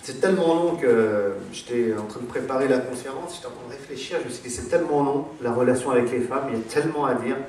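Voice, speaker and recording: A man's voice: mid-range voice, quick pace, few pauses, darkish tone, slight background noise. French man lecturing in an echoey hall. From France. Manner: digressive, repeats words, many fillers. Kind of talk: religious lecture. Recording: echoey hall, voice from far off, faint background ambience.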